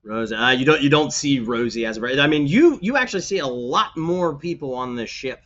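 Excitable man running a tabletop game. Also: medium pitch, dull audio. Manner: animated, excitable, quick to exclaim. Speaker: game master. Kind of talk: narrating a tabletop game on a live stream.

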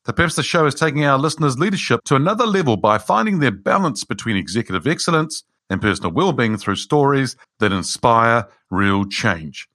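A man's voice: medium pitch, very animated, fairly quick, hardly any pauses, fairly bright tone, dry recording. Male podcast host, dry sound. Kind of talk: scripted opening, then interview.

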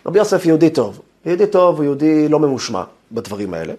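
A man, a rabbi, giving a lesson as an animated, dramatic storyteller. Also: fairly high pitch.

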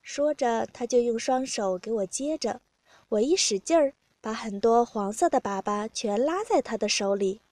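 A woman with a high voice reads an adult story aloud, keeping a plain and steady first-person pace. The recording is dry and close, with no room sound behind her. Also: normal speed, no room sound. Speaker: narrator.

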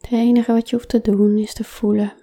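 A woman guiding a slow body-awareness exercise, speaking softly and calmly, often in a whisper. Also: fairly high pitch. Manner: soft, calm, often whispering. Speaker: relaxation guide.

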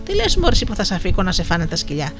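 A loud gullible wolf, as a storyteller puts him on. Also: medium pitch, huge pitch swings, music in the background. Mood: bluster. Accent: Asia Minor Greek dialect. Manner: loud and gruff. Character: gullible blustering male wolf.

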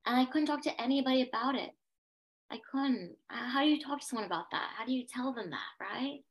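A woman's voice: high voice, brisk. A young adult woman, a podcast guest, telling a personal story with intense emphasis and repeated phrases.

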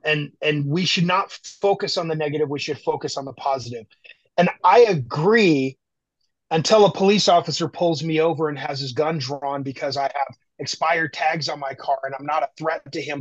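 A man's voice: fairly high pitch, dry recording, muffled recording. A man speaking earnestly and reflectively as a guest in a conversational podcast interview, from the United States. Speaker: guest artist.

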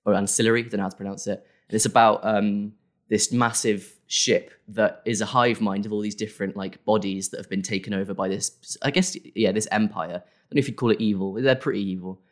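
Young guy, lowish voice, loose rambling guest chat, full of "like" and "um". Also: fairly even intonation, a little fast. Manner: rambling, many fillers and self-corrections. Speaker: guest creator. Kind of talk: casual interview.

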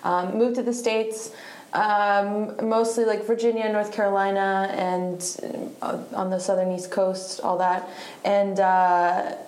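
A woman's voice: medium pitch, flat delivery, takes it slowly, darkish tone. Chatty woman in a roomy live venue. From Argentina. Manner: chatty, lots of "like", swears freely. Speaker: guest musician. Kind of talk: casual storytelling interview. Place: live podcast taping in a downtown bar venue.

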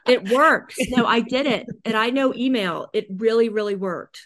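A woman's voice: a little high, normal speed, fairly bright tone. A woman, a podcast guest chatting in an effusive, gushing way and repeating herself. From United States. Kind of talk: casual interview chat.

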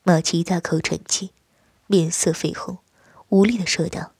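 A woman narrating an audio story in a soft, hushed, breathy voice. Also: lowish voice, steady tone, moderate pace, no room sound.

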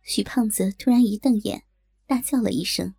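A woman telling a story in the first person, in a colloquial, brisk storytelling manner. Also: mid-range voice, creaky, warm tone, husky. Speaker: narrator.

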